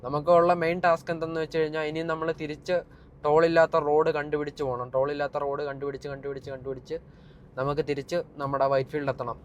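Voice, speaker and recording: A man's voice: fairly high pitch, flat delivery, fast, dull audio, a little hiss or hum. A young Malayali man chatting casually to viewers in a driving vlog, mixing English words and slang into his speech. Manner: informal, repeatedly addressing viewers. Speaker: vlogger.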